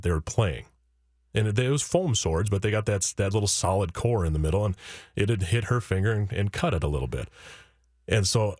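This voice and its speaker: Low-voiced man telling a personal story. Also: a little mellow, breathy edge, dry recording, studio quality. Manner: earnest, quotes himself and his kids, many restarts. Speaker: author and guest. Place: radio studio.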